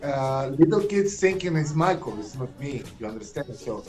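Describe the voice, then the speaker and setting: A Chilean man, a native Spanish speaker, answering interview questions in halting second-language English, often repeating words and checking "you understand?". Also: medium pitch, very animated, darkish tone, faint music behind, low-quality recording. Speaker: guest, [name] tribute performer.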